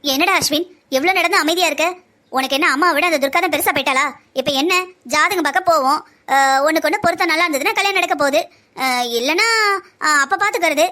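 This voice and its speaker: A woman voicing a sharp-tongued, scheming young woman who pushes and coaxes her family in a cartoon drama. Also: very high voice, quick pace. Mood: coaxing. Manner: pushy, coaxing.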